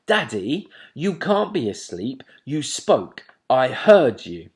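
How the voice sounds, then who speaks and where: A man voicing an excitable young male owlet who talks in a squeaky, insistent way. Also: slow pace. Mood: eager.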